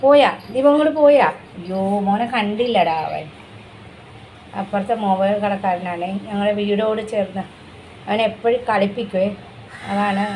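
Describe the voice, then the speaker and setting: A woman's voice: darkish tone, slight background noise, poor audio. A woman chatting casually to camera at home about her pet dog and her daily routine. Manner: chatty, switches to high coaxing calls to her dog. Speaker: pet vlogger. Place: home in a city in India.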